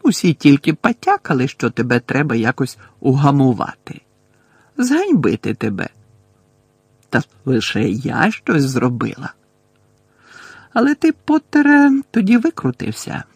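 A man reading an audiobook voices a cruel, sugary middle-aged woman professor who speaks slowly with gloating, breathy menace. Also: mid-range voice, huge pitch swings, no echo, exaggerated voice.

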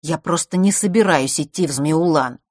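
A woman's voice: deep voice, moderate pace, darkish tone, no echo, clean studio sound. Woman doing a sullen brooding teen boy. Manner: gloomy, curt.

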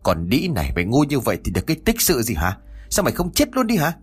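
A man voicing an older village woman, a harsh mother-in-law who shouts insults at her daughter-in-law in a told story. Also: medium pitch, wildly swooping pitch, slightly rough, faint music behind. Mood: furious. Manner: shouting insults, scolding fast.

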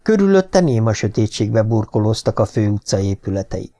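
A man's voice: fairly low pitch, sing-song, dark tone. A man narrating a horror audiobook with dramatic storytelling. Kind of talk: scripted narration.

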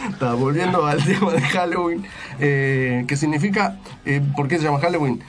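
A man's voice: fairly high pitch, moderate pace, music in the background. A man hosting a casual radio chat, rambling with restarts and frequent laughter. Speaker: radio host.

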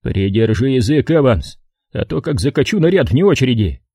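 A man's voice: medium pitch, very animated, normal speed, mellow, slightly rough, no echo, clean studio sound. A man voicing a grumpy, irritable army corporal who grumbles and needles his men with sarcasm.

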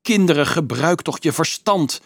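Casting: level-headed young student, dry wit, lowered voice, from a male reader; close, dry sound. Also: normal speed, dry recording, natural voice. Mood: reasoning. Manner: calm, dry, sometimes pleading. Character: calm, mocking young male student, reasoning.

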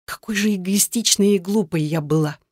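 A woman reads a dramatic first-person story with tense storytelling. Her voice sits at a middle pitch. The recording is dry and close, with no room echo. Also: normal speed, a little mellow, breathy edge. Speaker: narrator.

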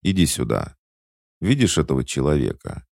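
A man with a deep, gravelly voice reading the lines of a proud, jealous immortal queen who speaks coldly and commandingly. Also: sing-song, normal speed, darkish tone, no room sound, clean studio sound, full character voice. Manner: cold, imperious, mocking.

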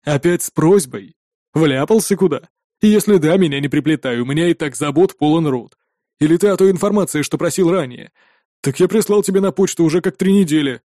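A man's voice: fairly high pitch, a little fast, warm tone, dry recording, studio quality, close to an everyday voice. A man voicing a weary, irritated male guild head who grumbles. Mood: grumpy.

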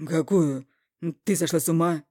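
A woman voicing a scheming, mocking young man in an audiobook, speaking loudly and evasively. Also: low voice, fairly even intonation, normal speed, no room sound, studio quality. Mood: accusing. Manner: loud, evasive, sneering. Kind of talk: audiobook character reading.

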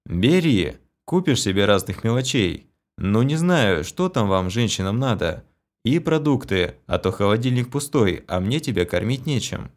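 Man doing a dry sarcastic young guy, lively voice. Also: on the low side, moderate pace. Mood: wry.

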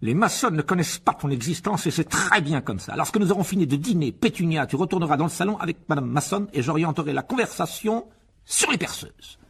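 A blustering middle-aged uncle barks orders in a high, swaggering storybook voice, put on by a man reading aloud. He sounds smug and bossy, with a husky, gravelly edge. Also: lively intonation, brisk, full character voice. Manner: bossy, loud, self-satisfied.

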